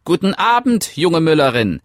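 Rumpelstilzchen, a shrill little dwarf. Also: male voice, very animated, normal speed, no echo, studio quality. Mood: friendly wheedling. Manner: shrill, squeaky, wheedling. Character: small mischievous male dwarf, eager to bargain.

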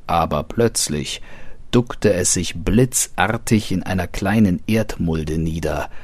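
A man narrating a fable in an expressive, unhurried storytelling manner, with a gravelly voice. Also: sits low, no room sound.

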